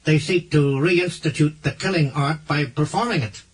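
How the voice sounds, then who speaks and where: A man doing a stern alien governor, husky, formal, measured, storybook. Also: on the high side, voice pushed up.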